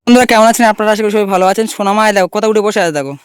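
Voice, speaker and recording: A man vlogging casually from a rooftop garden outdoors, talking in an animated, coaxing way and often raising his voice playfully. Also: sits high, rapid-fire, clear, resonant tone, dry recording. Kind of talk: casual vlog chat.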